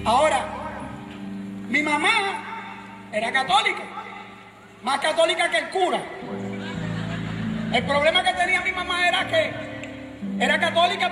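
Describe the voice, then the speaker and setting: A middle-aged Puerto Rican man with a Puerto Rican accent preaching a sermon, shouting emphatically and joking with the congregation. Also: very high voice, moderate pace, long pauses. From Puerto Rico. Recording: echoey room with music and crowd.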